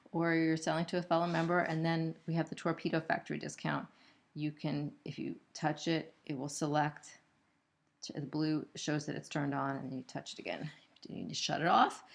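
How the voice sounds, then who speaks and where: A woman's voice: fairly low pitch, vocal fry. A woman narrating a corporate training video as a trainer, explaining each step in a patient, methodical, unscripted way. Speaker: trainer for gallery sales staff.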